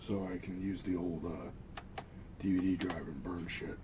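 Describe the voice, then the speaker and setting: Speaking at a measured pace in a low voice with fairly even intonation, the young vlog host rambles casually. A retainer gives him a slight lisp and slur, and the recording, made inside a small room at home, has a clearly noisy background.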